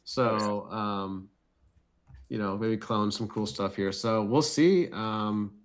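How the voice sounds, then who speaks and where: Casual male contestant, lowish voice, meandering and full of ums. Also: slow pace. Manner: rambling, many fillers and restarts. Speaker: deckbuilding contestant. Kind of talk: casual chat.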